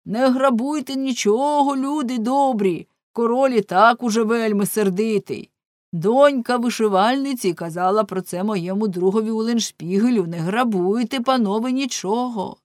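A woman voicing a good-natured male companion who calls out loudly, pleading with a crowd. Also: medium pitch, normal speed, no room sound, clean studio sound, natural voice.

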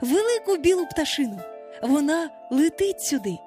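Woman doing a boastful excited young boy. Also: high-pitched, normal speed, faint music behind, pitched above the performer's own voice. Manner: excited, exclaiming.

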